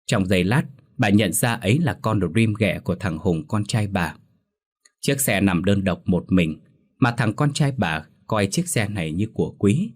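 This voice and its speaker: A man narrating a horror story in a steady, measured, scripted way. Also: lowish voice.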